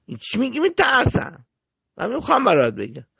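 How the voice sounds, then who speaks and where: A gravelly-voiced man doing a fretful old wife, her voice pitched up and swinging between pleading and nervous hesitation. It sounds dull and lo-fi, like an old recording. The room adds no echo. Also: huge pitch swings, a bit bright, exaggerated voice. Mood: eager, pleading. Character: anxious elderly wife bursting with news.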